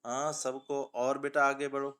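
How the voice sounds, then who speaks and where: A patient male teacher walks children through letters and word lists in a steady sing-song. He asks his own questions and answers them, speaking a tinge. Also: medium pitch, smooth. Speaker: Urdu teacher. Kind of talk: children's reading lesson.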